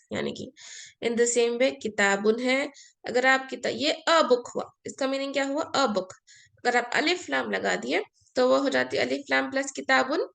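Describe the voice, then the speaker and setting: Woman Arabic tutor, fairly high voice, gravelly, patient step-by-step explainer. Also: fairly bright tone. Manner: patient, explains step by step, mixes Hindi and English. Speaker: Arabic teacher. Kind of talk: online class lesson.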